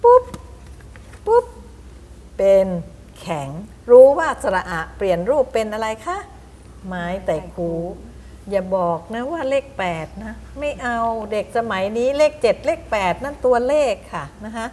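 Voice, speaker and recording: Lecturing fellow teachers about reading methods, a middle-aged woman speaks in a warm, expressive voice on the high side. She spells words out slowly to demonstrate and regularly puts questions to the audience.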